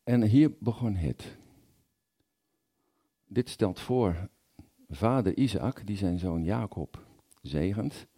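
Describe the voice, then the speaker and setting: Low, lively-voiced man preaching. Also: slow, long pauses, breathy edge. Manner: informal, thinking aloud with repeated words. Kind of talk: conversational sermon.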